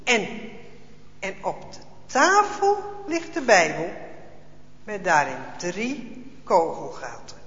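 A man telling a children's Bible story in an expressive, dramatic way, with small hesitations. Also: high voice, slow, pauses often. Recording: echoey hall, dull lo-fi sound.

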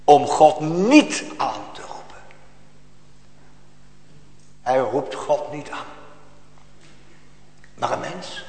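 A man preaching a sermon to a congregation, slow and solemn, rising to emphatic outbursts, recorded in a church. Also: fairly high pitch, expressive, vocal fry, darkish tone, roomy sound, in a large hall, low-quality recording.

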